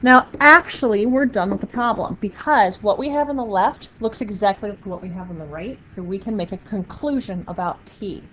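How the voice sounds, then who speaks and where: Teaching math to her class, a woman comes across as upbeat, playful, and encouraging. Her mid-range voice has a fairly bright tone, and she speaks at a moderate pace with hardly any pauses. The lecture was captured in a muffled classroom recording with some faint noise.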